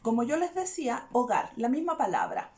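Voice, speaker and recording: A woman's voice: a little high, normal speed. A woman, a therapist explaining an idea to her viewers in casual talk that is often broken up by "¿ya?". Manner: frequent "¿ya?" check-ins, animated and searching for words. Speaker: therapist and video host.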